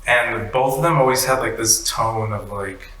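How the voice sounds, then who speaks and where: A young musician born in the US to Mexican parents talks in a relaxed, halting way, padding his thoughts with fillers. His voice is bright and forceful. He sits off the mic in an echoey room with a faint hiss. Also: medium pitch, far from the mic. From United States, Mexican parents. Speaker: musician guest. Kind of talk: casual interview chat.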